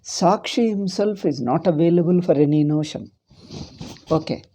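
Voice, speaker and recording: A man with a South Indian accent teaching a scriptural lesson, deliberately repeating phrases for emphasis. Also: a little high, dark tone, a little hiss or hum. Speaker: teacher of Vedanta philosophy.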